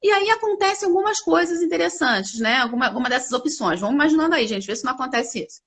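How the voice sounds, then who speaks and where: A woman speaking as a company CEO guest in a live interview, explaining ideas with animated examples. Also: high voice, fast talker. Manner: animated, acts out examples with lively voices.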